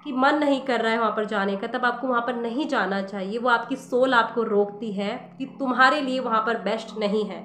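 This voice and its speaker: A woman's voice: fairly high pitch, brisk, hardly any pauses, a bit bright, a little hiss or hum. A woman giving a casual spiritual talk on meditation, speaking straight to the listener and asking rhetorical questions. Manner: conversational, addresses listener directly with rhetorical questions. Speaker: meditation teacher. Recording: echoey room.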